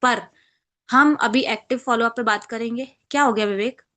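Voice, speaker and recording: Woman trainer, slightly high voice, explains step by step over a video call. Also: normal speed, fairly bright tone. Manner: explanatory, acts out sample phone calls. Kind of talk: online training class.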